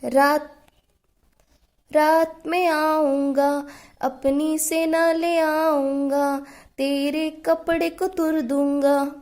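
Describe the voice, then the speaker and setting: A cheeky little male mouse, bold and demanding, as a woman storyteller puts him on. He chants his threats in a slow sing-song, in a high voice. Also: a little mellow, close to an everyday voice.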